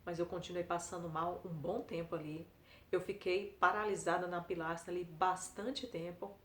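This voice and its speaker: A middle-aged woman giving a personal testimony, halting and hesitant, with many restarts. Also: fairly low pitch, steady tone, a bit bright. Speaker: testimony speaker. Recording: roomy echo.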